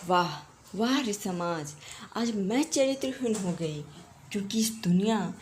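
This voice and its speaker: A woman's voice: on the high side, lively intonation, measured pace, slight background noise. A woman voicing a grieving mother who speaks out fiercely against a crowd. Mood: outraged. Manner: impassioned, shouting accusations.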